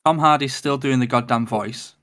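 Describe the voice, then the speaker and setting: Man, podcast co-host, blunt and plain-spoken, mid pitch. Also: normal speed, fairly bright tone, no room sound, clean studio sound. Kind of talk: casual chat.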